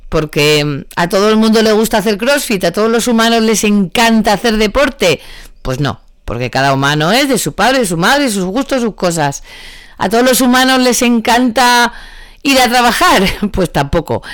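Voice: medium pitch, lively intonation, moderate pace, fairly bright tone, smooth, no room sound, clean studio sound. A dog trainer with a Spain Spanish accent giving casual spoken advice to a student, chatty and thinking aloud, often correcting itself.

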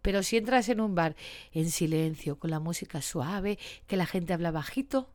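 Woman dog trainer, casual teaching talk, animated delivery, dry close recording. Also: fairly low pitch, moderate pace, dry recording. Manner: lively, animated, acts out short quoted lines.

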